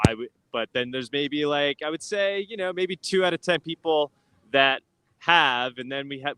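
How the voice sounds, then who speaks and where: Bright-voiced male host, loose rambling street chat. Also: mid-range voice, smooth, no echo, low-quality recording. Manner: loose, rambling, many fillers and restarts. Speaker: podcast host. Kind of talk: casual livestream chat. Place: outdoors on a street, coffee stand.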